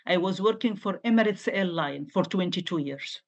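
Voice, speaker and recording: A woman's voice: lowish voice, normal speed. Earnest woman from Egypt, English. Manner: earnest, insistent, non-native English grammar. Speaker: interview guest. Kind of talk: interview answers.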